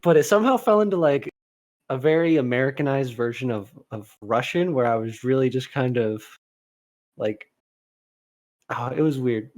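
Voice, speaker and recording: A young man co-hosting a podcast in casual chat, talking in rambling, animated bursts full of restarts. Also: mid-range voice, normal speed, long pauses. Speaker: podcast co-host.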